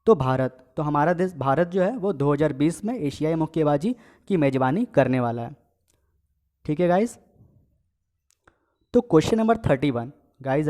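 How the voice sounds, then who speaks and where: A man with a fairly high-pitched voice runs a casual exam-prep quiz for his viewers. He reads each question and its options aloud, then gives the answer and repeats it. He keeps checking in with a quick "okay" between points. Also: dark tone. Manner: addresses viewers as friends and guys. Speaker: exam coaching teacher.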